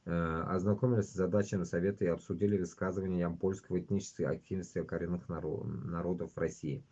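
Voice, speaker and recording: A man from Bashkortostan hosts a casual livestream, chatting and reading out news in a low, husky voice with a dark tone. He is blunt and swears heavily, and the stream audio is dull and lo-fi.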